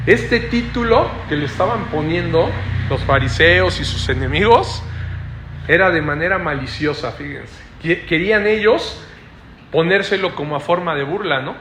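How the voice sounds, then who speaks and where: Bright-voiced man preaching in an echoey room. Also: a little high, lively intonation, slight background noise. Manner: keeps adding questioning "¿no?" tags to the listeners; explains slowly, repeating phrases. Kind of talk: Bible study sermon.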